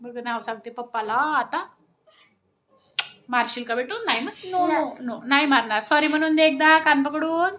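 Recorded with lo-fi sound inside the family home, this casual vlog comes from a young woman in Sakoli, Maharashtra, who shoots it on a phone. She talks to her audience at normal speed in a high, slightly bright voice, and sweet-talks a toddler in a sing-song tone.

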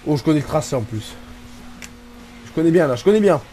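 Excitable French gamer swearing at races. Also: male voice, on the high side, fast. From France. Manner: excitable, swears a lot, self-mocking. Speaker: gaming YouTuber. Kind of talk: casual gameplay commentary. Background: game music.

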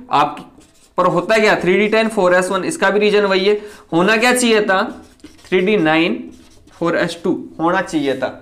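A male chemistry teacher speaking in a fairly high voice, moving quickly through an online lecture. He explains step by step, keeps posing questions to his students and then answers them himself. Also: fairly bright tone.

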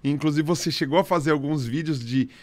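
A man's voice: fairly high pitch, no room sound. Slangy Brazilian man hosting a podcast. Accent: Brazilian Portuguese. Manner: casual, slangy, halting with restarts. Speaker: podcast host. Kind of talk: casual podcast interview.

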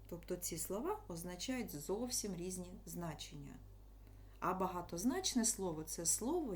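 A woman teacher gives a lesson to children, patient and careful, explaining each point step by step. Her voice sits low and sounds mellow and soft-edged. A faint hiss runs under the recording. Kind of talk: online school lesson.

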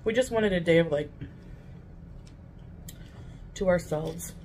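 A woman's voice: on the low side, slow pace. A young adult woman talking casually to camera while eating, often chewing as she speaks with her mouth full. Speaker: mukbang vlogger. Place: furnished living room, indoors. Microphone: camera at table distance. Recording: faint room noise, home recording.

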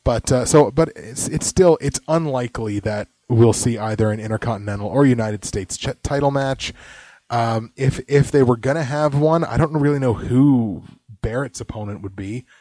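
A man's voice: mid-range voice, normal speed, warm tone, no room sound. A man co-hosting a casual wrestling podcast while sick, opinionated and rambling, sometimes dropping to muttered asides. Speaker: podcast co-host.

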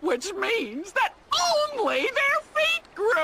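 A woman voicing a vain, gloating female witch in a cartoon dub, shrill and cackling. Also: sing-song, slow pace, very noisy, full character voice. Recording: music under the dialogue.

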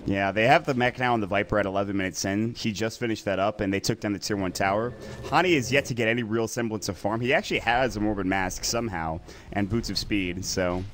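A man calls play-by-play on an esports match, quick and excitable during fights and laid-back in the lulls. His pitch is fairly low, with slight background noise.

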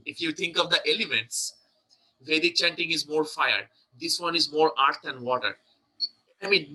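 A man teaching chanting in an online lesson, explaining in a quick, searching way. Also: a little high, pushed and bright, rough recording.

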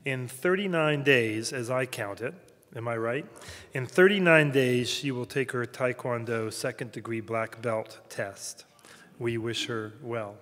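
Southern guy introducing a speaker at a university talk, mid pitch, lots of ums, echoey lecture hall. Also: unhurried, fairly bright tone. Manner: hesitant, many fillers and restarts. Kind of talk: formal introduction at a campus lecture.

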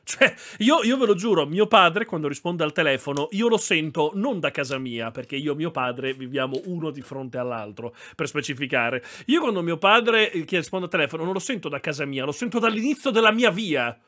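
Lively high-voiced young man streaming. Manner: animated, quick to laugh, thanks chat. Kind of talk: live stream reaction chat.

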